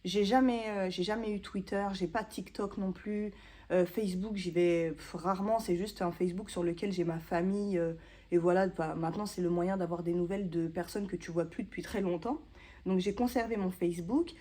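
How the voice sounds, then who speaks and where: Woman in her 30s rambling to her camera, laughs at herself, lots of euh, warm low-key voice. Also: steady tone, moderate pace. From France. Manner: chatty, self-mocking, lots of hesitations. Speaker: booktuber. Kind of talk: casual vlog chat to camera.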